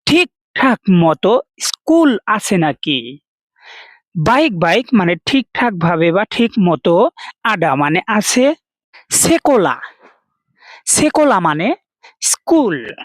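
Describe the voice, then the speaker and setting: A woman's voice: medium pitch, very animated, slow, long pauses, dry recording. A woman from Bangladesh, patiently teaching words and explaining each one in turn. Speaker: language teacher. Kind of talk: slow explanatory lesson.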